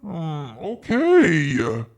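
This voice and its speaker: A man's voice: fairly high pitch, wildly swooping pitch, gravelly, voice pushed up, full character voice. A man reading an audiobook, voicing a hesitant young man who talks through a voice changer. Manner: hesitant, halting. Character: young man hiding behind a high voice changer.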